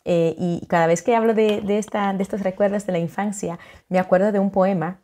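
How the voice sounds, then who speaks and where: A middle-aged woman from the Dominican Republic, an author who talks warmly and chattily into a webcam at home, with many fillers and restarts. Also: medium pitch, steady tone, fairly quick. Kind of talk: casual video greeting. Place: home living room, indoors.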